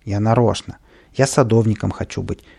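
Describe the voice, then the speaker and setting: A man voicing a capricious, whining little boy in a storybook reading, with a gravelly, husky voice. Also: on the low side, steady tone, normal speed, warm tone. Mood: whiny. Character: whiny, stubborn, mischievous little boy.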